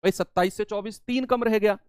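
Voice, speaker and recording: High, clear-voiced man teaching maths. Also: fairly quick, no room sound, clean studio sound. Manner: explains step by step, repeats key terms, voices students' answers. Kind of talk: classroom maths lecture.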